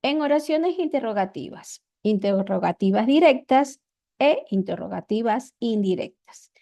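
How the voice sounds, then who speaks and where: Ecuadorian woman teacher, unhurried and methodical, a bit high-pitched, for a grammar lesson. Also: lively intonation, creaky, dark tone. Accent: Ecuadorian Spanish. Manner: slow, deliberate, repeats examples.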